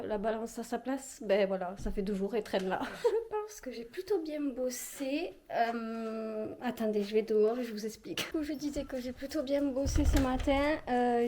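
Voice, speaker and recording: A young vlogger from the Perpignan area of southern France, speaking with a southern French accent, chats casually with her viewers while doing chores outdoors on her home terrace. Her voice is on the high side and warm, and she's chatty and self-mocking. There's slight background noise.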